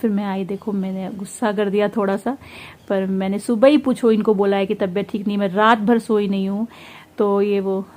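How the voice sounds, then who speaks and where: A young woman vlogging at home, telling a story about her day with quoted dialogue while feeling unwell and tired. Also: mid-range voice. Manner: fast, animated recounting with quoted dialogue. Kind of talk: casual vlog storytelling.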